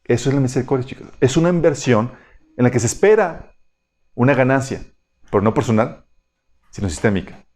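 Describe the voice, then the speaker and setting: A man's voice: medium pitch, expressive, fairly quick, pauses often, darkish tone. A man teaching a Bible study in a conversational way, reading passages aloud and often checking that his listeners follow.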